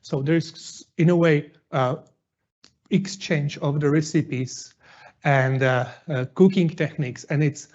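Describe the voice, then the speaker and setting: A man in his thirties from the Czech Republic with a Czech accent, presenting as a guest chef in halting non-native English with frequent fillers. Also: fairly high pitch, steady tone, a little mellow, lo-fi sound. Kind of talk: presentation talk.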